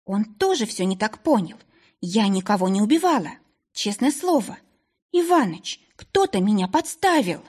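A woman voicing a flustered grown woman on the run who pleads anxiously in a high, breathless voice. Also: very animated, normal speed, a little mellow, husky. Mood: pleading.

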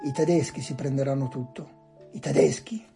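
A man reading aloud, voicing a frightened farmer father who shouts harshly at his family. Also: mid-range voice, fairly even intonation, normal speed, creaky, faint music behind, lightly acted. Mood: furious. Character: angry frightened middle-aged farmer father. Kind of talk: audiobook reading.

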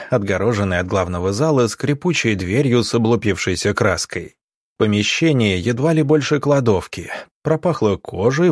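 A man giving steady, descriptive scripted narration of an audiobook. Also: on the low side, no echo, clean studio sound.

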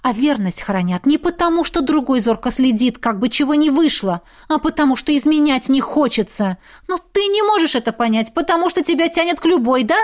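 A woman voicing a sharp-tongued young woman studying magic, exasperated and defiant, her voice pushed higher. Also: lively intonation, fairly quick, few pauses. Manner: exasperated, defiant, raised pitch. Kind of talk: audiobook character reading.

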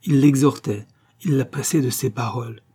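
A man narrating a historical novel in a measured, expressive reading. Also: mid-range voice, slightly rough. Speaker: audiobook narrator. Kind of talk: scripted narration.

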